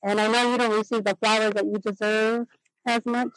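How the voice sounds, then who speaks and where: A woman guest speaks openly and emotionally in a casual podcast chat. Her voice sits a little high, and the recording is close and dry. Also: flat delivery, a little fast, dry recording, low-quality recording. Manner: heartfelt and emotional. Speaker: podcast guest, spiritual healer.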